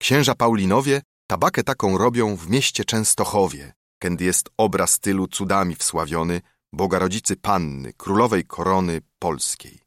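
A man's voice: low voice, normal speed, no echo, studio quality, close to an everyday voice. A man voicing an old Bernardine friar who speaks with hearty, oratorical persuasion. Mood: genial.

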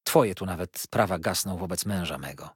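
A man voicing a gentle young wife who speaks softly and imploringly. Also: low-pitched, moderate pace, husky, dry recording, clean studio sound. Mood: earnest. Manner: soft, imploring.

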